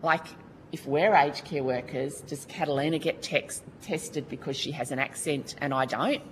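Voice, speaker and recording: In a rough recording with slight background noise, a low-pitched Australian woman testifies formally before a Senate committee. She speaks at normal speed, earnestly and colloquially, often starting her sentences over.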